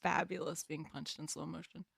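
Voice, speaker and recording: A woman's voice: deep voice, flat delivery, creaky, heavy background noise. A woman co-hosting a podcast in casual, playful banter, giggling often and drawing out her words. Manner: playful, giggly, drawn-out delivery. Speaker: podcast co-host.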